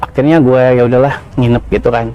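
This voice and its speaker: Mellow-voiced man in his thirties. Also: mid-range voice, steady tone, fast, highs cut off. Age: 30s. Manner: casual slangy confessional, many fillers. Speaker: podcast guest. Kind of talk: personal storytelling.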